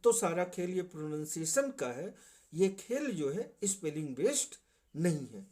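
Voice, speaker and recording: A man's voice: a little high, big pitch swings, unhurried, a little mellow. A man with a Hindi accent explaining English grammar in a classroom lecture style, repeating key points. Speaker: English teacher.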